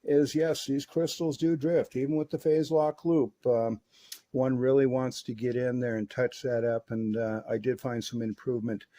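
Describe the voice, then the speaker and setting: A man speaking in a medium-pitched voice at a moderate pace casually reviews and tests a vintage radio in his workshop, relaxed and sprinkling in filler words.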